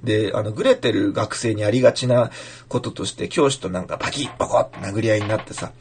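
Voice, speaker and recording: A playwright raised in Fukushima, Japan hosts a casual podcast, reading listener mail and slipping into Fukushima dialect to demonstrate lines. His voice sits on the low side, animated and fast, with slight background noise.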